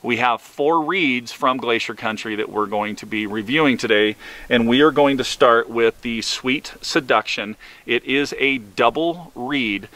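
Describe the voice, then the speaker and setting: A man's voice: mid-range voice, pushed and bright, low-quality recording. A man giving a casual, instructional product review in a folksy, informal way, repeating himself as he goes. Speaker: product reviewer of hunting calls.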